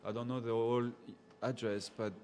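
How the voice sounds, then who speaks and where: This medium-pitched man, a French-accented safari guide from a French-speaking background, talks at a moderate pace with slight background noise. Relaxed and chatty, he reads live viewer comments aloud, laughs often and responds to each viewer by name.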